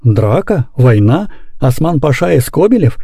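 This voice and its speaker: A man's voice: mid-range voice, big pitch swings, measured pace, vocal fry, mellow, slightly rough, no room sound, studio quality, exaggerated voice. A man voicing a wry middle-aged father in a storybook reading, exclaiming in mock alarm.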